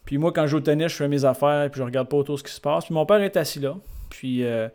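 Animated Québécois man telling stories. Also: on the high side, fast. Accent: Québécois French. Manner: lively storyteller who acts out the people in his stories. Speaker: sports coach and guest speaker. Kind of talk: anecdote-telling in a conversation.

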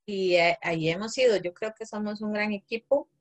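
A woman with a Costa Rican accent speaks in a relaxed, conversational interview. Her voice sits in an ordinary middle register. She keeps checking in with "¿verdad?" and breaks into light laughter between phrases. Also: mid-range voice, moderate pace. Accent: Costa Rican Spanish. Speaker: parent interviewee. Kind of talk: casual personal account.

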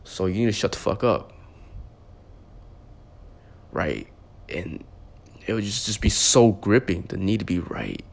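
Low-voiced young man rambling casually. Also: darkish tone. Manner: rambling, heavy use of "like" and restarts. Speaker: podcast host. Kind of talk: casual personal storytelling.

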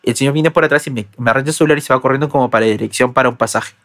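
A young man in his twenties with a Peruvian accent, telling a personal story in casual podcast chat, animated and full of restarts. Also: medium pitch. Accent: Peruvian Spanish. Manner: fast, animated anecdote-telling with many restarts. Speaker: podcast co-host.

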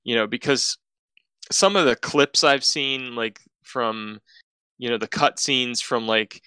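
A man's voice: mid-range voice, slow pace, bright, forceful tone, smooth, no echo. A man co-hosting a podcast, chatting in an easygoing way with stammering restarts. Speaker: podcast co-host. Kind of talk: casual chat.

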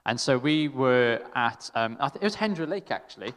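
A young man sharing a halting, affectionate story, with many restarts and laughs. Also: medium pitch, expressive, fairly bright tone. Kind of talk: casual storytelling in a tribute. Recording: long reverb in a hall.

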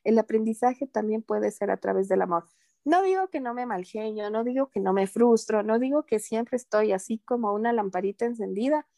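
A woman guest on a podcast, talking in a calm, earnest and gently reassuring way about spiritual matters. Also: a little high, moderate pace, vocal fry, no echo. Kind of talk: casual interview talk.

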